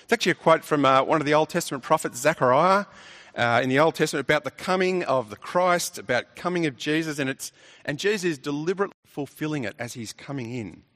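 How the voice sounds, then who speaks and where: A man delivers a sermon with a fairly high voice, pressing his points with rhetorical questions and restarts. His delivery swings between soft, hushed asides and stronger declarations. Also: expressive, fast talker. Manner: emphatic, rhetorical questions, repeats words. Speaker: preacher.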